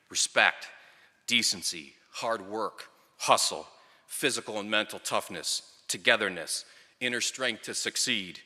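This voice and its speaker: A man's voice: on the low side, pushed and bright. A middle-aged man giving a storytelling tribute speech at a ceremony, with wry, dry humour. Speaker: speaker at a ceremony, former player and coach. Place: large hall or venue, speaking to an audience at a microphone. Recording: echoey hall with long reverb.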